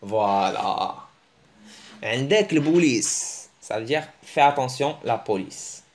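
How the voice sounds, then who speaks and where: A man giving a casual, joking online language lesson, teasing his viewers and breaking into animated bursts. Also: slow pace. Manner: joking, animated, teasing, with sudden pitch jumps. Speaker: language teacher.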